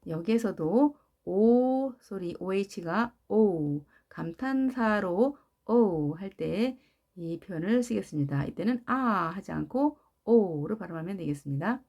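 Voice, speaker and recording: A woman teaching English pronunciation in a patient classroom manner, repeating each sound clearly for learners. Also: mid-range voice, a little mellow. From Korea. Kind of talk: slow, clear classroom instruction.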